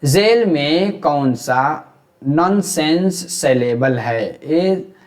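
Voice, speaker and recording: A man with a Hyderabadi Urdu accent teaching an exam-prep lecture at an unhurried pace. His voice sits a bit high for a man. He keeps asking his class questions and then answers them himself. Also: a little mellow. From India.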